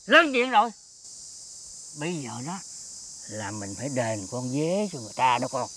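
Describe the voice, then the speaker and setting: An actor with a Southern Vietnamese accent playing a kindly old man who gently coaxes a lost little boy. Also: big pitch swings, moderate pace, background noise, lightly acted. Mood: coaxing. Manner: gentle, coaxing, low and soft. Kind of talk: TV fairy-tale drama acting.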